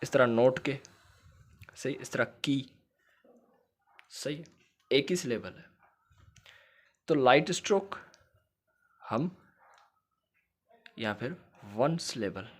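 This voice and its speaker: A man's voice: medium pitch, lively intonation, slow, pauses often. A man teaching shorthand in a recorded lecture, explaining patiently, repeating points and checking that students follow.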